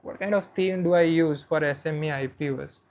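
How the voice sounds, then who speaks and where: A man's voice: fairly high pitch, moderate pace, a little mellow. A man with an Indian English accent giving a casual screen-share tutorial to students, chatting and thinking aloud as he works. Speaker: educator for accounting students.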